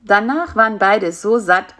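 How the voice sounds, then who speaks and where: A woman reading a children's story aloud in an expressive, storyteller's way. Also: medium pitch. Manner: slow and expressive. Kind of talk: scripted narration of a children's story.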